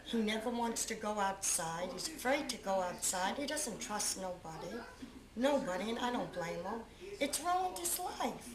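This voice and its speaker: A woman's voice: medium pitch, big pitch swings, moderate pace. Indignant middle-aged woman, roomy crowd. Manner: indignant, repeating herself. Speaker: mother of a beaten man. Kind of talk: interview, describing photos.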